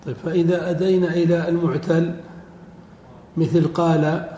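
A man teaching a classroom lecture, drawing out words slowly and quizzing his students. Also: a little high, flat delivery, dark tone. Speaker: teacher of Arabic morphology. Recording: echoey hall with faint noise.

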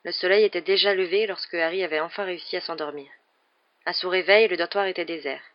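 A woman's voice: on the low side, fairly even intonation, fast talker, no echo, highs cut off. Woman narrating an audiobook. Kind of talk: scripted narration.

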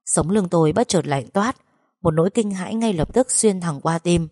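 A woman reading a first-person story aloud with steady emotional narration. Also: fairly low pitch, normal speed, no room sound. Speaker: audiobook narrator.

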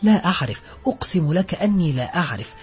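A man doing a husky, pleading frightened crook. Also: on the high side, expressive, a little fast, dark tone. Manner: pleading, protesting. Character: frightened male petty crook, pleading for his life. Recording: muffled lo-fi recording, faint music.

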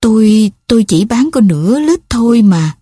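A woman's voice: medium pitch, normal speed, mellow, breathy edge, no echo, studio quality, natural voice. A woman voicing a starving, poor old woman in an audiobook story, speaking weakly and pleading. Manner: weak, pleading.

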